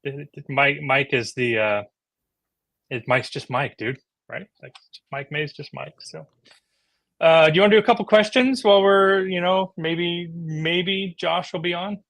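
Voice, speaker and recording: A middle-aged man hosting a casual DJ livestream, enthusiastic and halting, with lots of restarts. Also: on the high side, creaky, a bit bright, no room sound. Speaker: host of a DJ livestream.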